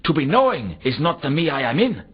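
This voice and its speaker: This man plays an earnest, eager foreign archaeology worker in a comic game, mangling his word order and reaching for pompous long words. His exaggerated voice sits on the high side, brisk and slightly rough, with huge pitch swings. The recording is dull, lo-fi game audio.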